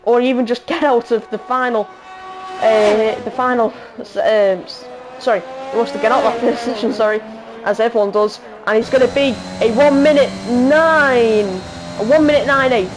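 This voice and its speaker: A woman with a Liverpool accent doing live sim-racing commentary, halting with fillers and jumping up in excitement at crashes. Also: on the high side, background noise. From Liverpool, England.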